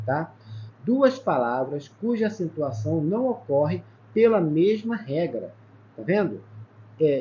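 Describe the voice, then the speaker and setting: A man's voice: a little high, a little mellow. A man with a Brazilian Portuguese accent teaching an exam-prep lesson at a whiteboard. He explains step by step, counts letters aloud and keeps checking with "tá?" and "ó". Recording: slightly dull sound with faint background noise.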